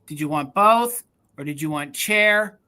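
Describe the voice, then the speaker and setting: A woman's voice: sits low, animated, unhurried, sharp tone. A woman with a regional American accent, hosting a live vintage sale, chatting as she describes items and counts down bids. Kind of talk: live auction selling.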